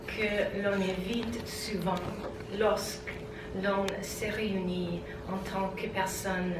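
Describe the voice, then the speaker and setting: Foreign-accented woman speaking slow French, echoey room. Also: mid-range voice. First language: not French; French is her fourth language. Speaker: pastor, congress speaker. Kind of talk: public talk at an interfaith congress. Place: large room before a seated audience. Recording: echoey room, distant mic, noisy.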